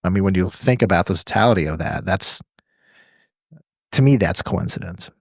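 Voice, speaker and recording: A man's voice: low voice, moderate pace, creaky, dry recording. A man co-hosting a podcast, explaining ideas through long hypothetical examples with wry asides. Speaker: podcast co-host. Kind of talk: casual chat.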